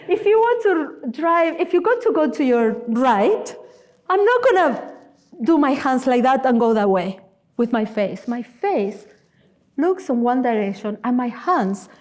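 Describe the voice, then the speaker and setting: A woman in her forties giving a sermon as a guest speaker, telling personal stories with humorous asides. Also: fairly high pitch. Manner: animated, storytelling, humorous asides. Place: church.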